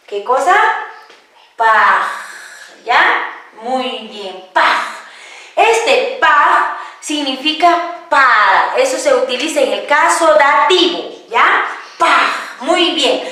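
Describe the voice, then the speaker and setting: A woman teaches a grammar lesson in a slow, high, bright voice, asking questions and answering them herself. She stands far from the microphone in a strongly echoing room. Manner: patient, asks and answers her own questions, tag questions. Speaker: Quechua language teacher.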